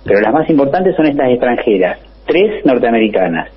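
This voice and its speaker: A man's voice: mid-range voice, big pitch swings, a little fast, lo-fi sound, a little hiss or hum. A man presenting his weekly agronomy column on a radio show, earnest and informative, with frequent filler sounds. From Argentina. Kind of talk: radio column, explanatory talk.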